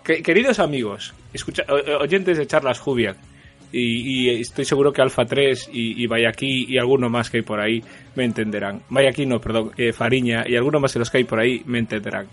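A man's voice: mid-range voice, a little fast, soft background music. A man from Galicia with a Galician Spanish accent, co-hosting a casual podcast, speaking in an ironic, teasing way. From Galicia, Spain. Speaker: podcast co-host.

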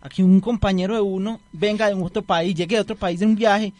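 A young man with a high voice jokes and teases his way through a casual student radio chat. His voice is recorded close and dry, with no room sound. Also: fairly even intonation, fairly quick, darkish tone, no echo. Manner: joking, teasing. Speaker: radio show co-host.

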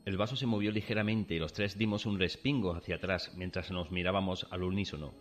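A man from Spain narrating a first-person horror story in a measured, solemn way. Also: low-pitched, steady tone. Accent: Spanish from Spain. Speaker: narrator and protagonist. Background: faint background music.

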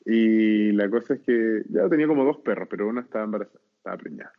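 A young man with a Chilean Spanish accent chats casually, telling stories in slangy, talkative speech. His voice sits on the low side, expressive and quick, over a tinny, phone-like line.

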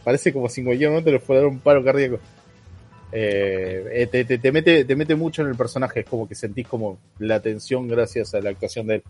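A man's voice: medium pitch, brisk, darkish tone, soft background music. Rambling Rioplatense man reviewing a film. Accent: Rioplatense Spanish. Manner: rambling, slangy, many fillers and restarts. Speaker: podcast co-host. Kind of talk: casual film review chat.

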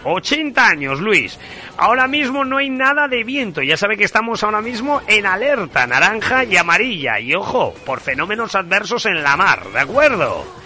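A radio host making a live prank call, posing as an official and insistently repeating himself. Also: male voice, high voice, big pitch swings, moderate pace, bright, forceful tone, soft background music.

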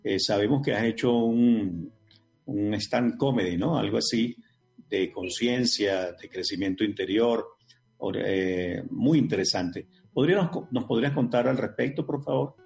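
Venezuelan man, host, lowish gravelly voice, faint music behind. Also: measured pace, a little mellow. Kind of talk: interview hosting.

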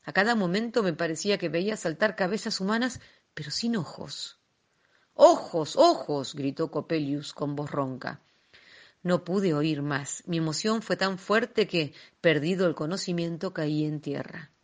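A woman reading a classic tale aloud in a measured, expressive storytelling manner. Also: lowish voice. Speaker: reader.

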